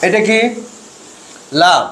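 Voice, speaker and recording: A man whose tone is fairly bright teaches Quran reading in an echoey room. The slow, step-by-step spelling lesson has him asking questions and answering them himself.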